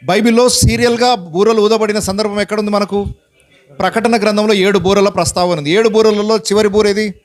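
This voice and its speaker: A pastor preaching a Bible-teaching sermon in a conversational way, asking many rhetorical questions and mixing in English words. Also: male voice, sits high. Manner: mixes English words into his speech.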